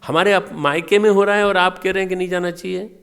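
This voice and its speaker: Brief: a man doing a humble ascetic god in a devotional retelling, earnest, a little higher and louder. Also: fairly even intonation, quick pace, vocal fry, smooth. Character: calm ascetic male god, plain-living.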